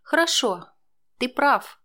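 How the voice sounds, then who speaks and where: A woman reader voicing a young woman, a bitter and ironic former partner who speaks with condescension, pitched well above her narration. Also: very animated, slow pace, fairly bright tone, heavily acted.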